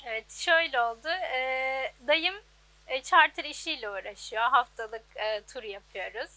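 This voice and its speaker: A young woman in her twenties with a high, bright voice answers an interviewer. She talks simply, often hesitating with small fillers. She stands in an outdoor laundry workshop. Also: normal speed, no room sound. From Turkey. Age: 20s. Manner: plain, hesitant with many fillers. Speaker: business owner.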